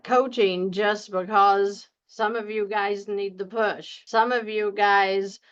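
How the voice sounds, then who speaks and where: A woman with a deep Southern US accent coaching viewers in a casual, folksy, earnest and urging way. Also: steady tone, takes it slowly, clear, resonant tone, muffled recording. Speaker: personal finance coach and video host.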